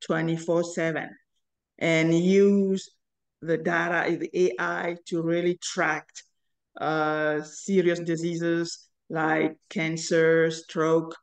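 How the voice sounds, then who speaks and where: A Cameroonian woman in her fifties, an inventor and company founder, appears as an interview guest telling her life story. Her voice is low-pitched and creaky with little pitch movement, and she speaks earnestly and haltingly, pausing often.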